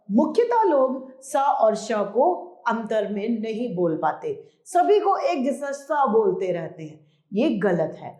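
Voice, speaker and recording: A woman teaches a children's lesson at an unhurried pace, and her voice climbs and drops widely as she stresses each key word. The recording is made in an echoey room. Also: mid-range voice, a little mellow. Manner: slow, emphatic, stresses key words.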